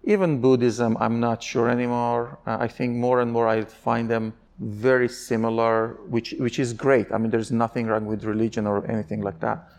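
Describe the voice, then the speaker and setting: A man's voice: mid-range voice, little pitch movement, normal speed, hardly any pauses, a little mellow. A man from Iran, giving candid interview answers in an earnest, searching way, often restarting his sentences.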